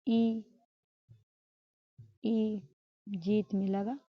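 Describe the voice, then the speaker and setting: A woman's voice: medium pitch, flat delivery, extremely slow, no echo. A woman teaching an exam-prep grammar lesson, explaining step by step, asking questions and answering them herself. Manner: ends points with a checking "all right?". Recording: dull, lo-fi sound.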